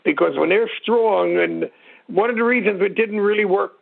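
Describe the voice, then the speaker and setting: The guest here, an older American military expert and retired sergeant major, has a high voice with vocal fry and a moderate pace. He explains things informally, bluntly, and emphatically in short repeated phrases, over a tinny, narrow phone-line radio sound.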